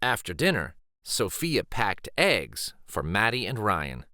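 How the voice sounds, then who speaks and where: A man reading a children's picture book aloud in an expressive, deliberate storytelling style. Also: lowish voice, no room sound, clean studio sound. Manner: deliberate, animated.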